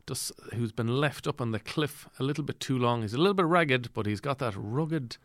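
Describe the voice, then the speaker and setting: A young man hosting a comedy podcast, interviewing a guest with a deadpan, teasing manner. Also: mid-range voice, brisk, dry recording, studio quality. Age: young adult. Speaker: podcast host.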